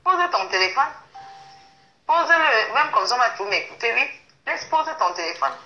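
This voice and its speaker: Live-stream host, woman, high bright voice, lo-fi phone sound in an echoey room. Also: big pitch swings, fairly quick, slight background noise. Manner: chanting, exuberant, switches into pidgin. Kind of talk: casual live stream chat.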